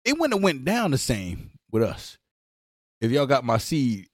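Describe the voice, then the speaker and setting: A young man co-hosting a podcast, rambling and halting as he chats casually about a TV episode. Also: medium pitch, wildly swooping pitch, dry recording, clean studio sound. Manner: rambling, halting, lots of filler. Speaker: podcast co-host.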